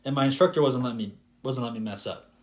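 A man in his twenties, a flight instructor and podcast guest, telling stories in a casual, lively way and acting out radio calls. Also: medium pitch, racing. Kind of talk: casual storytelling in conversation.

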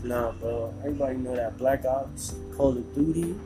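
A man's voice: medium pitch, moderate pace, loud music behind the voice, rough recording. A young man, a podcast guest, argues and teases in casual slangy banter. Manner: argumentative, teasing.

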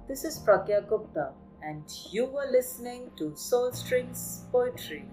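A woman from Kolkata with an Indian English accent hosts a poetry podcast and recites her poem in an emphatic voice with dramatic pauses. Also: fairly high pitch, lively intonation, warm tone, faint music behind, low-quality recording.

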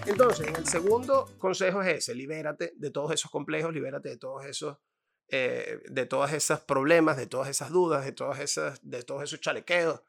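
Gravelly high-voiced Venezuelan comic. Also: male voice, normal speed, soft background music. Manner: animated storytelling, playful asides. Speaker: comedic advice vlogger. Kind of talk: comedic monologue.

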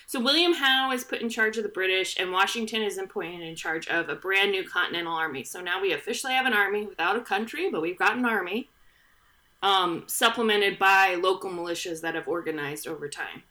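Brisk and mid-pitched, this woman's voice sounds pushed and bright as she hosts a history podcast from a studio mic. She retells the past conversationally and with humor, leaning on lots of fillers and asides.

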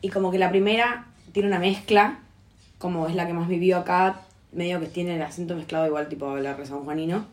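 A young woman from Argentina with a Buenos Aires accent, co-hosting a casual podcast chat and telling slangy, animated anecdotes. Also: lowish voice, a little fast. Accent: Buenos Aires Rioplatense Spanish. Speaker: podcast co-host.

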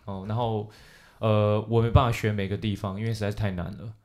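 A young man with a somewhat low voice chats easily with a friend. He explains at length and mixes English words and whole phrases into his speech. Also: little pitch movement, fast, darkish tone. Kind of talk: casual chat.

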